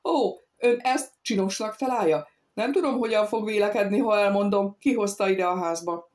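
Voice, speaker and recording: A woman reading an audiobook, voicing an indignant, haughty lady of the house who speaks in a shrill, oratorical, accusing manner. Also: a little mellow, natural voice.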